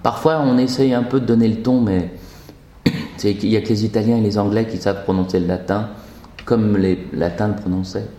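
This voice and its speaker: A man teaching a Latin lesson, patient and chanting declensions slowly, in an echoey room. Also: lowish voice, fairly even intonation, mellow. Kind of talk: classroom lesson.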